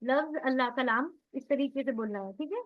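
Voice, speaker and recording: Female Quran recitation tutor, high-pitched, patient step-by-step explainer, recorded over a thin phone-like line. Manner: explains step by step, often checks with "theek hai"; recites Arabic words slowly and drawn out as examples. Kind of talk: online tajweed lesson. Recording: tinny phone-line sound.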